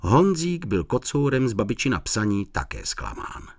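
A man's voice: medium pitch, very animated, no echo, clean studio sound. A man narrating a children's storybook, reading expressively.

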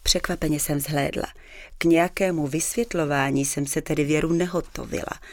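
A woman's voice: sits low, fairly even intonation, darkish tone, no room sound. A woman narrating a first-person audiobook in a dry, ironic storytelling manner.

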